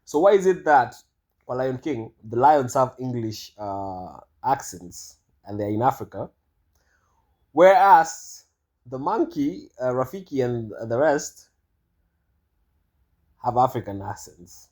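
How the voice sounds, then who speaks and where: A man's voice: mid-range voice, big pitch swings, slow pace, pauses often, darkish tone. A man giving casual monologue commentary, rambling and hesitant with many fillers and restarts. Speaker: vlogger.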